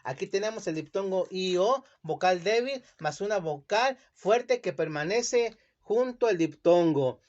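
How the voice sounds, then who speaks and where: A man teaching children a lesson, speaking slowly and carefully and stretching words out syllable by syllable. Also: high voice, expressive, a little mellow. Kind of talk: classroom lesson explanation. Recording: dull lo-fi sound.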